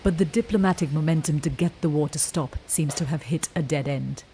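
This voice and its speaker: A woman war correspondent with a low-pitched voice delivers a frontline news report. Her narration is grave and measured, with some faint noise around it. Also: dark tone.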